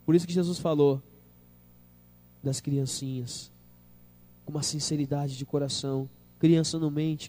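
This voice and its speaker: A young Brazilian pastor preaching a sermon in church, swinging from hushed tender lines to loud emphatic ones and acting out quoted voices. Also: male voice, on the high side. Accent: Brazilian Portuguese. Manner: acts out quoted voices of children and God. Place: church service.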